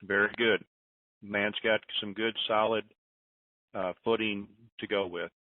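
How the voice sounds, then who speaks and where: A man hosts a call-in conference, talking in a casual, folksy way and giving out advice. His fairly low voice is steady and a bit slow, and the dry recording comes over a muffled telephone conference line with a distant mic.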